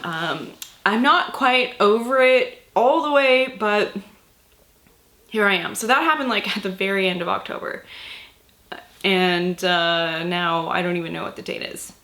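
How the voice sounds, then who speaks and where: A woman book vlogger, sick and a bit husky, chatting casually through her monthly reading wrap-up with lots of fillers and swearing. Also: mid-range voice, unhurried, sharp tone.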